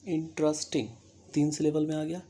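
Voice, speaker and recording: A slow, deliberate teacher with an Indian English accent explains English grammar step by step in a recorded classroom-style lesson, spelling words letter by letter. The mid-range voice is warm but delivered flatly, over slight background noise. Frequent "theek hai" checks make sure listeners are following.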